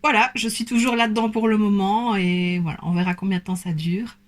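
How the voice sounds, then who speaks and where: A woman's voice: medium pitch, steady tone, brisk. A young woman from Belgium with a light Belgian French accent, answering viewer questions in a casual vlog with many hesitant fillers. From Belgium, Liège province. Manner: hesitant, many fillers, soft and self-conscious. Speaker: beauty YouTuber.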